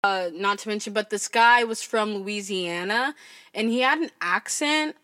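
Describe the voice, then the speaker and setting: A woman in her twenties from California, hosting a podcast and telling a story in a loud, chatty voice full of "like". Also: medium pitch, unhurried, no room sound, studio quality. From California, USA. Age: 20s. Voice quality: loud speaking voice. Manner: chatty, fills speech with "like" and "I'm just like". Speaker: podcast host. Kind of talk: casual storytelling.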